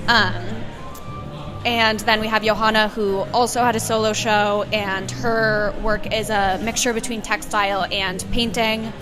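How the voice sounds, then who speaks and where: A woman's voice: mid-range voice, steady tone, a little slow. A woman who founded a gallery explaining her booth in an organized way during an interview at an art fair. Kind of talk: casual interview. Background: loud music.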